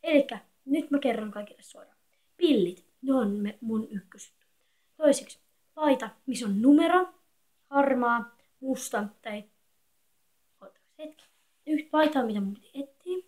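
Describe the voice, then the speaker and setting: Soft-spoken young teen girl vlogging. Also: high voice, lively intonation, long pauses. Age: 13-year-old girl. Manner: quiet, soft-spoken, rambling and chatty. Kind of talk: casual home vlog. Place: echoey bedroom at home. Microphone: phone camera.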